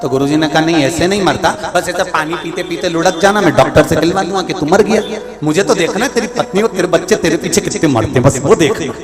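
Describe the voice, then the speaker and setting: Animated man preaching in a booming hall. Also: fast, few pauses. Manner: animated, acts out characters' voices, breaks into song. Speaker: storytelling preacher. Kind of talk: devotional sermon storytelling. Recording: echoey hall, music behind.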